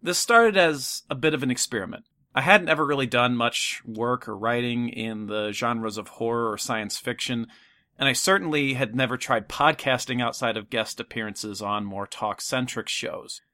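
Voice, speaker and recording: A man's voice: mid-range voice, moderate pace, bright, forceful tone. A man hosting and producing a horror podcast, speaking to listeners in an earnest, reflective way. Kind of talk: anniversary message to listeners.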